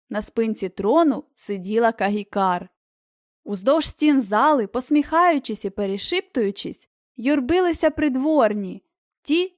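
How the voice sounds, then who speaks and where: A woman's voice: a little high, dry recording. Woman narrating an audiobook, dry sound. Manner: even storytelling reading. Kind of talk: scripted narration.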